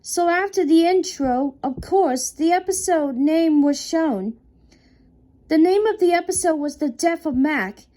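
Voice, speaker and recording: Woman narrator, horror story read-out, slow and mellow, stumbles and restarts a lot. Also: very high voice, expressive. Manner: slow, halting, frequent restarts. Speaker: creepypasta narrator. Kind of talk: unscripted horror story reading.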